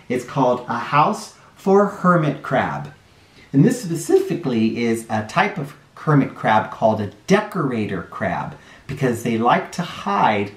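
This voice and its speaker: Reading to kids at storytime, this forties-aged man brings a picture book to life with an expressive, explanatory, animated delivery aimed at young listeners. His pitch is medium. The mic sits at a distance in a living room or playroom, giving a roomy home sound.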